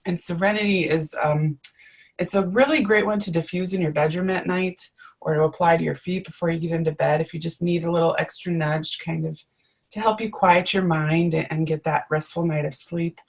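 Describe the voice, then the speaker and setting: A woman's voice: lowish voice, steady tone, brisk. A woman co-hosting a live webinar, explaining things in a friendly, casual way with frequent ums. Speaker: webinar co-host. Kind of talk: casual presenting.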